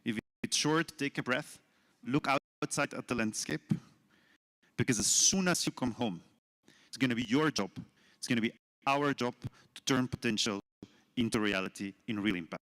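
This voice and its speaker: A man with a middle-pitched voice gives a formal closing speech. He is reflective and builds his points through repetition. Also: moderate pace, long pauses, fairly bright tone. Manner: reflective, builds on repeated phrases. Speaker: conference speaker.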